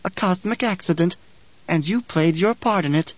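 A man voicing an unnervingly composed little girl in an audiobook, speaking slowly and serenely in a higher register. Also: no room sound. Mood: calm, eerie. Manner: slow, measured, serene. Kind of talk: audiobook character voice. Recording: dull, dry studio recording.

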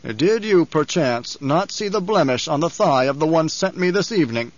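A man voicing an older tyrant baron for an audiobook, coldly controlled and scheming, with a mocking, deliberate, imperious manner. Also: fairly high pitch, animated, dry recording. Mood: cold anger. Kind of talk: audiobook character voice. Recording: slightly dull, lo-fi audio.

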